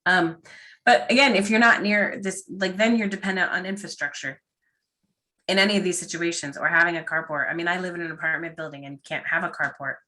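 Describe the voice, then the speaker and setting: A woman's voice: lowish voice, fairly even intonation, fairly quick, bright, forceful tone. A woman speaking as the guest in a casual online panel discussion, enthusiastic, with plenty of ums and likes. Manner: enthusiastic, talks with fillers.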